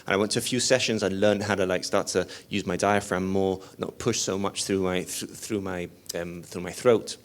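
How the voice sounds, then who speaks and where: There's a slightly whiny edge to this deep-voiced man as he shares casual, self-deprecating anecdotes in a musician interview. His intonation stays fairly even, and he talks at normal speed with few pauses.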